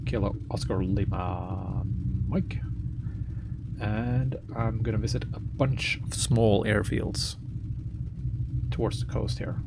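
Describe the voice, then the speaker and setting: A man giving casual pilot commentary, halting and thinking aloud as he works through checks. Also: fairly low pitch, creaky. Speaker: flight simulator pilot and host. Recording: loud engine-like noise behind voice. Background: loud vehicle ambience.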